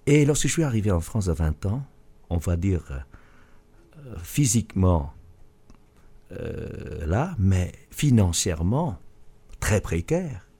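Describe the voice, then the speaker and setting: Un homme d'âge mûr originaire du Vietnam, auteur et chef d'entreprise, qui répond en interview avec sérieux et hésite souvent. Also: male voice, sits low, dark tone, slightly rough. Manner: earnest, halting with restarts. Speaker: author and business leader. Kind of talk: radio interview answer.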